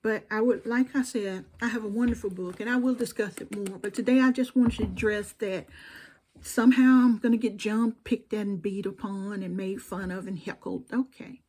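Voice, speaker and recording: A woman's voice: mid-range voice, steady tone, normal speed, warm tone. A middle-aged woman with a Southern accent giving earnest, preachy commentary straight to camera and repeating phrases for emphasis. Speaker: video commentator.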